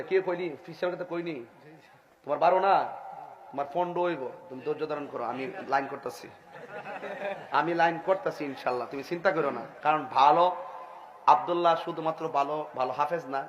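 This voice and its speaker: A man's voice: fairly high pitch, a little fast, lo-fi sound. A man preaching a humorous sermon in a chatty, joking way, often laughing as he talks. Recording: live event with loud crowd.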